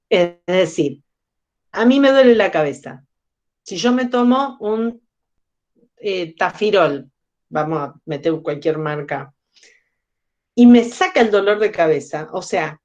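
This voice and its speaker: A woman's voice: mid-range voice, a little mellow. A woman giving a psychology lecture, explaining step by step and asking the class questions. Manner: explanatory, asks the audience questions. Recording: slightly dull lo-fi sound.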